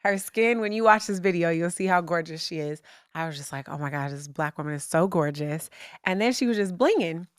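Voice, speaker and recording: A woman hosting a podcast, chatting casually with a guest in a gushing, excitable way with lots of fillers. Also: fairly low pitch, fairly quick, smooth, no echo, studio quality. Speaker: podcast host. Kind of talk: casual interview chat.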